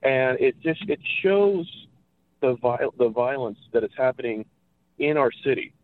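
A man's voice: medium pitch, lively intonation, unhurried. A man from California calling in to a radio show, speaking earnestly over the phone and repeating himself for emphasis. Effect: phone line caller. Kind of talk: earnest call-in opinion. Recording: tinny dry phone line.

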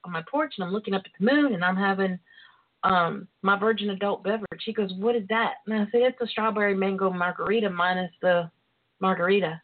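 A woman's voice: medium pitch, fast talker. A woman with a Southern US accent hosting a radio talk show, chatting in a casual, bawdy, playful and sassy way. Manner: playful, sassy, calls listeners pet names. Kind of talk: casual, bawdy girls'-night chat. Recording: muffled internet phone-in radio sound.

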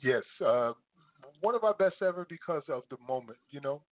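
A man's voice: mid-range voice, lively intonation, a little fast, no echo, narrow, tinny audio. A man co-hosting a radio show, signing off with earnest, preachy remarks. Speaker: co-host.

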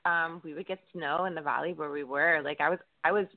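A woman's voice: low-pitched, fairly even intonation, a little fast, creaky, no room sound. A woman co-hosting a radio show, chatting in an easygoing way with lots of fillers. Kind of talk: casual talk-radio chat. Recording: dry, phone-like line.

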